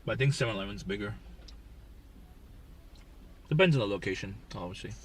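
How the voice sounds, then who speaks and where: A man's voice: on the low side, expressive, brisk. A man hosting a casual live stream, chatting offhand with viewers and talking with his mouth full. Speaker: livestream host. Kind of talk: casual live-stream chat while eating. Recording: distant mic with faint background noise.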